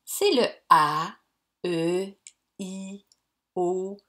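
A woman, teaching young pupils in a slow, clear, encouraging way. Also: on the low side, a bit bright. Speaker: primary school teacher. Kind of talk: recorded lesson for young pupils.

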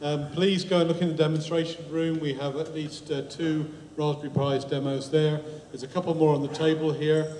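A man hosts a community tech event, making brisk, practical announcements. His voice sits a little high and stays flat in pitch. The sound rings with a long hall reverb and faint room noise. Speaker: event organiser and host. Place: large echoey hall.

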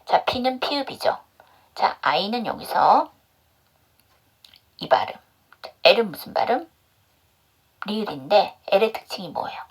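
A woman's voice: medium pitch, very animated, slow, pauses often, slightly rough. A woman teaching English pronunciation in an online class, drilling step by step by asking questions and answering them herself. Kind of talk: online phonics lesson.

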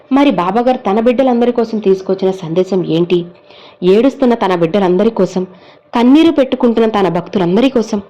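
A woman's voice: medium pitch, dark tone, muffled recording. A woman introducing a devotional message in an earnest tone, with inviting rhetorical questions. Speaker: devotional channel narrator.

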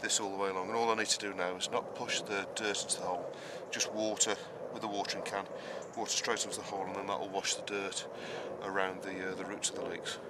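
A low-voiced man with little pitch movement talks fast, barely pausing, as he gives a casual tour of his vegetable allotment outdoors. He's an allotment gardener and show host who explains step by step in a rambling way, full of fillers and restarts. The noisy outdoor camera audio picks up rural ambience.

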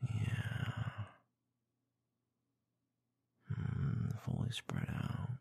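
This male ASMR performer does a slow, teasing, dominant roleplay, murmuring intimately into a close binaural mic. His voice is husky, breathy and a little mellow, frequently sinking into a whisper.

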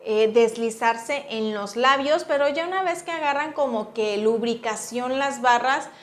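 Speaking a little slowly in a fairly high voice, a woman with a Mexican accent hosts her beauty channel and reviews makeup in an informal, chatty style, sprinkling in affectionate diminutives.

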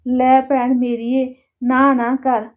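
A woman's voice: high voice, level tone, slow, narrow, tinny audio. A woman reading the part of Janta, a grieving father who pleads tearfully for his lost daughter. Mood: pleading.

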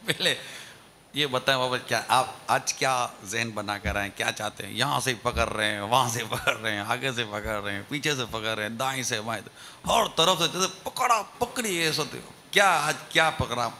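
A man's voice: medium pitch, bright, forceful tone, slight background noise. A man asking a scholar teasing, playful questions at a religious question-and-answer gathering. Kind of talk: religious Q&A talk.

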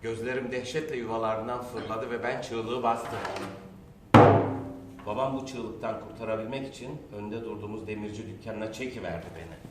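An actor plays a haunted man telling his childhood in a theatrical monologue. His lowish voice moves intensely between hushed and loud. It is heard from far off in a very echoey space, with heavy noise over the recording. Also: moderate pace, close to an everyday voice. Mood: haunted, dramatic. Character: man dramatically recounting a traumatic childhood memory. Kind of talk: dramatic theatrical monologue narration. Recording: very echoey, distant, noisy recording.

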